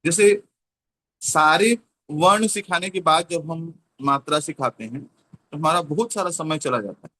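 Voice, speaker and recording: A man explaining a teaching method in an online class, slowly repeating example words. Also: a little high, sharp tone. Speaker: teacher training trainer.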